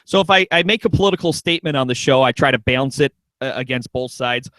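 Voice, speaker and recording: A man's voice: medium pitch, quick pace, a bit bright, no room sound, low-quality recording. A man hosting a talk radio show in casual chat, joking around and restarting his sentences a lot. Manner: joking, lots of restarts and stammers.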